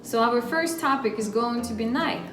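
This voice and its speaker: A woman's voice: a little high, normal speed. A woman from Russia with a Russian accent, hosting her own channel and explaining a topic in a chatty, friendly way straight to the viewer. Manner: chatty, friendly direct address. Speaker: channel host. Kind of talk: casual explainer vlog. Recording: roomy echo with faint music.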